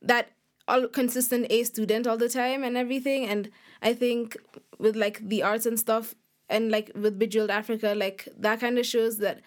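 Speaking at a moderate pace in a highish voice with a flat delivery, a young woman from Kenya talks as a podcast guest. The young author is informal and slightly hesitant, frequently dropping in "like."

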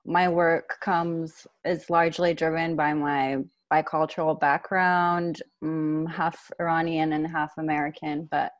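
A woman's voice: low voice, little pitch movement, unhurried, few pauses, no room sound. A woman from Iran, an artist, introducing herself on a panel in a thoughtful way, searching for her words. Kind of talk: roundtable introduction. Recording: dull lo-fi audio.

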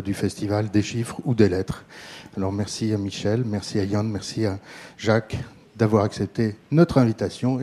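A man's voice: fairly low pitch, warm tone. A man opening a festival session, thanking guests with some hesitation. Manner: hesitant with fillers. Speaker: festival organizer. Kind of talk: welcome speech.

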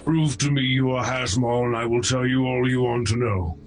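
A man's voice: medium pitch, steady tone, moderate pace, natural voice. A man playing a guarded, defiant nineteen-year-old mortal in tabletop role-play.

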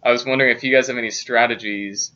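A man hosting a casual interview, relaxed and encouraging as he asks open questions. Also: medium pitch, quick pace, highs cut off. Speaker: host.

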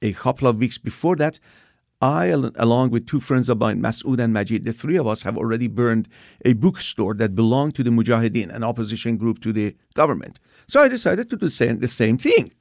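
Man, 60s, Persian accent, gravelly, earnest testimony storyteller, dry room. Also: medium pitch, animated, a little fast, darkish tone, dry recording. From Iran. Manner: earnest, vivid storyteller with occasional restarts. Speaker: speaker giving his testimony.

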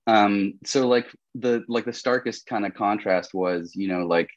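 Unhurried and on the low side, a young man from Colombia chats as a guest on a podcast, in the style of a casual conversational interview. He rambles comfortably, with many "like" and "you know" fillers. It's a dry, lo-fi recording.

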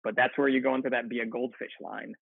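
A man's voice: medium pitch, little pitch movement, fast talker, gravelly, breathy edge, dry recording. Man on a tinny phone-like line. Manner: rambling, laughs often, many restarts. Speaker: firefighter guest. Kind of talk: casual podcast chat.

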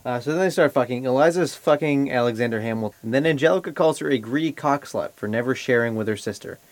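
A man's voice: mid-range voice, fast, no echo. A man with a Boston accent, co-hosting a podcast and casually recounting scenes in a dry, offhand way. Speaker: podcast co-host. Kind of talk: casual podcast chat reviewing a film.

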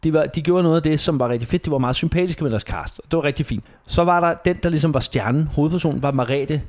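Animated man telling stories. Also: fairly high pitch. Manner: animated storyteller, mimics people, laughs often. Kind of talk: casual chat.

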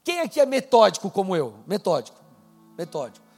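A man preaching a sermon in a casual, conversational way, slowing down to read scripture aloud. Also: high-pitched, big pitch swings, darkish tone, husky, long reverb tail, faint music behind. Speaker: pastor. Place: church hall.

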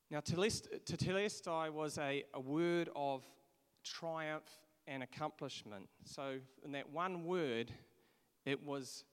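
A man's voice: on the high side, smooth. A man preaching a sermon from England, earnest and conversational, with frequent restarts. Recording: long echo of a large hall.

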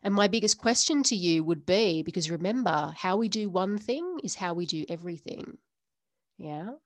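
On her solo coaching podcast, a woman host speaks earnestly to listeners, stringing together repeated rhetorical questions. Her fairly low voice has lively intonation at a normal speed, recorded clean in a studio with no room sound.

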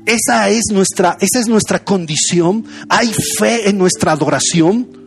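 A man's voice: high-pitched, unhurried, creaky, soft background music. A young man, a pastor giving a conversational sermon full of personal stories. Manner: conversational, anecdotal preaching.

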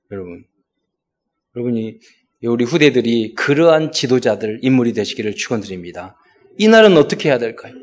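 Korean-speaking man preaching with animated pitch. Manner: preaching with rising exhortations and acted quotes. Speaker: pastor. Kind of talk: sermon.

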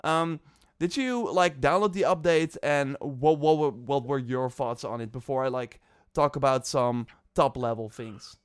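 A man's voice: mid-range voice, unhurried, smooth, no echo, clean studio sound. A man from the Netherlands hosting a podcast, talking casually with lots of fillers and restarts. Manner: chatty, loose, many fillers and restarts. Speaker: podcast host.

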